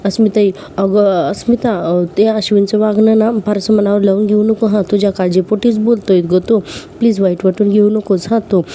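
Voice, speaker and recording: A woman's voice: mid-range voice, steady tone, normal speed, mellow, a little hiss or hum, close to an everyday voice. A woman voicing a sly young wife who talks in a sugary, ingratiating way. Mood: fawning.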